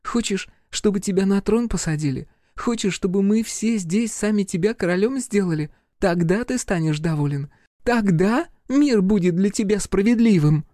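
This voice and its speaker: A man voicing a fierce, scornful young girl in an audiobook, mocking and shouting at a boy. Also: high-pitched, animated, normal speed, no room sound, studio quality, voice pushed up. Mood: lecturing. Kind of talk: audiobook character voice.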